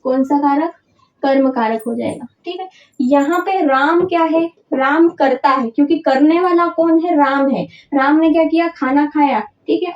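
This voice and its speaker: A woman with a high voice gives an exam-prep grammar lesson and keeps asking whether the class follows. She drops English words into her explanations and spells her examples out word by word. The sound is echoey and a little muffled. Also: far from the mic. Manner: repetitive, checks understanding with frequent "thik hai" and "hai na"; mixes English words into Hindi. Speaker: Hindi grammar teacher. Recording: echoey room, dull lo-fi sound.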